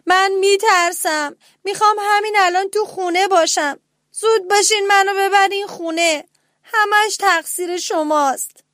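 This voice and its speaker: A woman voicing a whiny, easily scared young boy mouse who complains loudly. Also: dry recording, studio quality. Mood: scared whining. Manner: shrill and whining.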